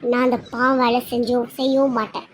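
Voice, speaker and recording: A woman's voice: on the high side, level tone, fairly quick, a little hiss or hum, natural voice. A woman voicing a stern, principled female doctor in a cartoon serial, lecturing her patients firmly. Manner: firm, lecturing.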